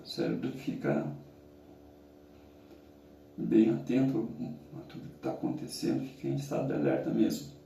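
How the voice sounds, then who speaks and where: A Brazilian man speaks from ice cold water with a very dark, relaxed voice full of gravelly creak. He muses casually in halting phrases. The recording is roomy and echoing, picked up away from the mic. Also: mid-range voice. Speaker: challenge vlogger. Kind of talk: casual reflective monologue. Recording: roomy, echoing, distant mic, faint noise.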